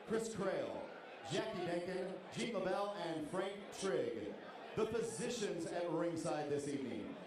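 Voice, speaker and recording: A man working as a ring announcer at a live fight night, with a formal, showy, drawn-out delivery. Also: sits high. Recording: roomy echoing hall, distant, noisy.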